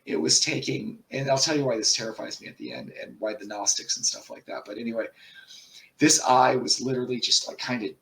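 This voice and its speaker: A man telling a personal story in a casual, rambling way, swearing often and pausing on fillers. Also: mid-range voice, expressive, gravelly, fairly bright tone, recorded from a distance. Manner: profane, rambling, halting with many fillers. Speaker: channel host.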